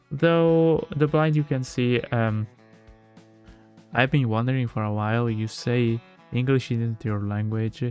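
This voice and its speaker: Speaking with an Italian accent, this man streams a visual novel reading while chatting to his audience, often restarting and using fillers. Italian is his first language, and his mid-range voice sounds smooth and slightly mellow.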